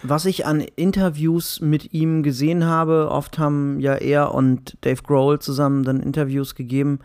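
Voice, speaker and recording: A man's voice: a little high, little pitch movement, moderate pace, a little mellow, clear, resonant tone, no room sound, studio quality. A man with speech talking casually as a guest on a podcast. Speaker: podcast guest, writer and musician.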